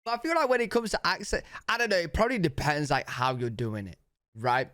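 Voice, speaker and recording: A man's voice: fairly high pitch, brisk, a bit bright, no room sound, studio quality. A young British man reacting to a video with casual, chatty commentary. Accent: British English. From Britain. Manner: casual, chatty, slangy asides. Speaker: reaction streamer.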